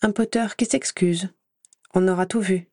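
A woman reading an audiobook voices a sneering, spiteful male professor who speaks slowly and mockingly. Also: fairly low pitch, mellow, no echo, studio quality. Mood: scornful. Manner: slow, scornful, mocking.

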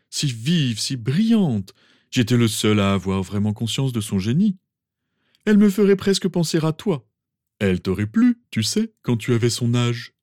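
A man voicing a pompous, sentimental old male wizard professor, with theatrical, drawn-out exclamations. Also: medium pitch, darkish tone, no echo, studio quality. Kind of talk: fan audiobook reading.

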